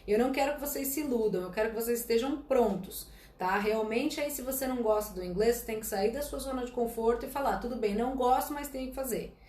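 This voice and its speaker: A Brazilian woman in her late twenties, an English teacher who used to be a flight attendant, hands out blunt career advice during a live-stream Q&A. Her fairly high, slightly mellow voice is fast with hardly any pauses and sounds reverberant. She is direct and emphatic, constantly checking in with "tá?" and "gente".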